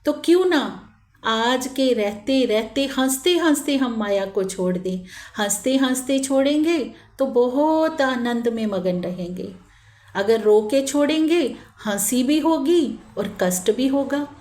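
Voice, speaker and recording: A woman giving a gentle devotional sermon, pleading and repeating lines slowly for emphasis. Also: sits high, expressive, roomy sound. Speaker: spiritual preacher.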